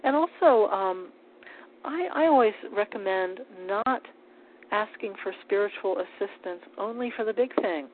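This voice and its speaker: A woman giving a calm, measured spiritual talk on prayer, with small restarts as she speaks. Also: mid-range voice. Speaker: spiritual teacher. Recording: tinny phone-like line with faint hiss.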